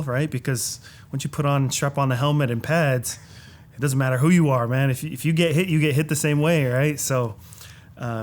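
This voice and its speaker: A man in his thirties from Utah, a state legislator, telling his story in a friendly, reflective, conversational way. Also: mid-range voice. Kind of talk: casual conversation.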